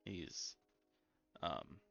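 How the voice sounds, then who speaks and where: A young man streaming a game in a calm, low-energy, mellow way, full of ums and easy asides. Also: very slow. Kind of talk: casual gameplay stream chat. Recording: slightly muffled lo-fi audio with faint music.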